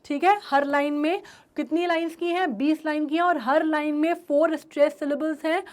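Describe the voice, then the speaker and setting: A woman teacher with an Indian accent explaining a poem in a lesson, mixing Hindi and English, checking often that students follow, and reading lines slowly. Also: high voice, steady tone.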